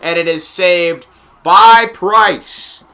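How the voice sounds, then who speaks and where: A man calling a hockey game casually, play by play, getting excited on big plays and chatting in asides with filler words. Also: high voice, very slow. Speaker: amateur play-by-play commentator. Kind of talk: casual live game commentary.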